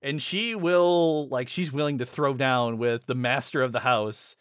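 A man co-hosting a podcast in casual chat, animated and laughing often as he retells scenes. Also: medium pitch, a little slow, no room sound, clean studio sound. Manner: animated, laughs often, quotes characters in funny voices. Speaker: podcast co-host.

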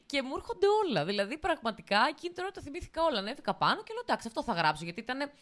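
A woman's voice: high voice, sing-song, fairly bright tone. A young woman hosting a podcast, chatting casually, laughing often and using slang. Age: young adult. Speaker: podcast host. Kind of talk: casual chat.

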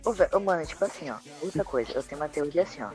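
A young man with a slightly high voice jokes and teases his friends while they play. His talk is loose and playful. Faint music sits behind him. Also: expressive, racing, a little mellow. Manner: joking, teasing. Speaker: guest. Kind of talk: casual gaming chat.

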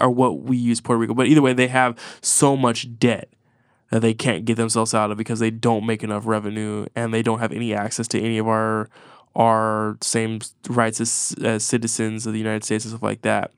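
A man's voice: fairly low pitch, flat delivery, brisk, clear, resonant tone, no room sound, clean studio sound. A congested man on a podcast, chatting casually and rambling with frequent swearing and restarts. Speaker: podcast co-host. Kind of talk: casual chat about music.

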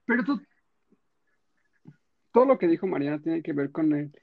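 Gravelly man in dry, muffled casual chat. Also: on the high side, expressive, moderate pace, no room sound. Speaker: podcast co-host.

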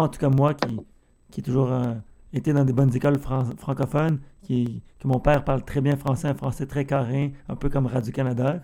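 Male podcast guest, gravelly voice, measured and explanatory. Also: mid-range voice, mellow. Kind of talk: casual podcast conversation.

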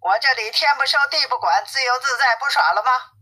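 A woman reading the lines of a proud, carefree male monkey king in an audiobook story, in a brisk, offhand manner. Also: high voice, bright, forceful tone, husky, full character voice, low-quality recording.

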